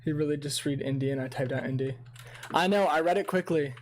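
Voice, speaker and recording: A man's voice: on the high side, a little fast, slight background noise. A young man streaming a game, talking in a rambling, profane and self-mocking way to his viewers. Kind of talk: casual livestream gaming chat.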